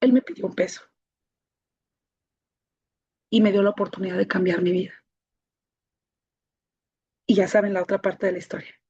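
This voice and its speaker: Woman speaker, husky voice, heartfelt testimony, dull muffled recording. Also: mid-range voice, steady tone, a little fast, dark tone. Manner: emotional, repeats key phrases for emphasis. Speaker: speaker sharing her life story, founder of a child-protection association. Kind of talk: personal testimony talk to an audience.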